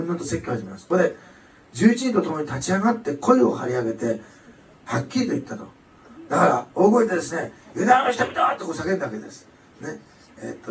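A man preaching a sermon, animated and emphatic, swinging between loud declarations and soft asides. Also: a little high, vocal fry, recorded from a distance, slight background noise. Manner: animated, rising to loud emphatic passages then dropping soft. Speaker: pastor. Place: church hall. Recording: echoey hall, mic some way off.

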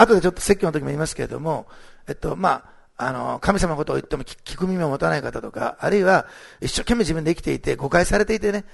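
A man's voice: fairly high pitch, vocal fry, breathy edge. A middle-aged male pastor giving church announcements and sharing a testimony, rambling with many fillers and restarts.

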